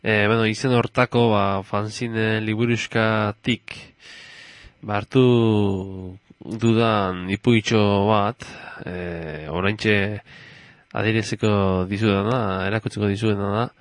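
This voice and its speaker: A man sets up a short story in a halting, hesitant way, pausing and filling gaps often. His pace is very slow. The sound is dry and close. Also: on the low side, level tone, no room sound. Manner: halting, many fillers. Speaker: reader introducing a story. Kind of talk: hesitant spoken introduction.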